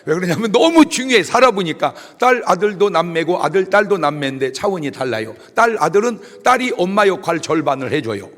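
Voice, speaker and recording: A middle-aged man pastor giving a humorous sermon, telling stories and acting out shouted voices. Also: a little high. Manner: animated storytelling with jokes and shouted imitations. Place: church sanctuary. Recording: long reverb of a church hall.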